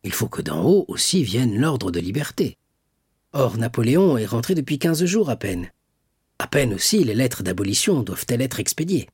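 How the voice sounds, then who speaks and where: A man voicing a scheming, cold young royal prosecutor in an audiobook, smooth and guarded. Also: mid-range voice, very animated, normal speed, darkish tone, no room sound, studio quality. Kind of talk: audiobook character reading.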